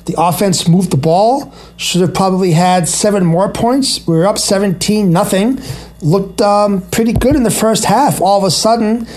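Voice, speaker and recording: A man's voice: high voice, a little mellow. An American man hosting a sports radio show, talking through the games in a monologue.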